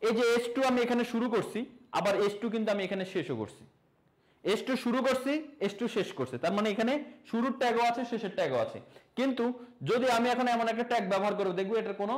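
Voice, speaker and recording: Fast, high-voiced young male teacher. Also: rough recording. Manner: chatty and joking, teasing students, quick asides. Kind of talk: casual online coding lesson.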